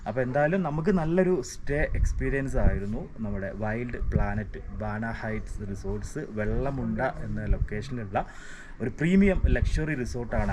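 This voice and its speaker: Male travel vlogger, Malayali accent, code-mixing English into Malayalam, casual presenting, recorded on location with echo and clear noise. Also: medium pitch. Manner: Malayalam mixed with many English words. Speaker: travel vlogger reviewing a resort. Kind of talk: casual vlog narration to viewers. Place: on location around a resort, rooms and rooftop. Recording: echoey, clearly noisy location sound.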